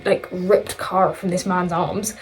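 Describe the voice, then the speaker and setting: A woman's voice: lowish voice, level tone, a little slow, rough recording. A young woman from England chatting casually while getting ready at home, rambling through a night-out story with lots of fillers and quoted dialogue. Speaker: vlogger.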